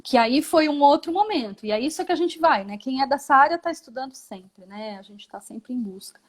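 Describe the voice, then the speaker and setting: A woman's voice: high-pitched, animated, brisk. A Brazilian woman, a physiotherapist and mother, explaining her path in a live interview, reflective, with many tag questions. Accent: Brazilian Portuguese.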